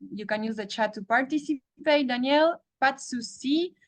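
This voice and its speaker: A woman with a French accent leads an online language class. Her voice sits high and she speaks slowly, often doubling words like "super, super". She hops back and forth between French and English on a video call. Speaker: French teacher hosting a webinar.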